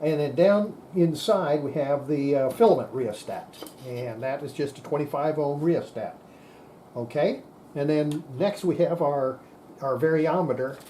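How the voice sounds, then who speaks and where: A man presents radio equipment in a plain-spoken, folksy manner, thinking aloud during his informal hands-on explanation. He speaks at a measured pace in a fairly high, mellow voice, over slight background noise.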